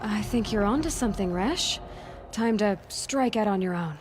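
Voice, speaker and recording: A woman's voice: mid-range voice, moderate pace, lightly acted. A woman as Aloy, guarded young huntress, music behind. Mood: cold, wry. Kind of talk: game cinematic acting.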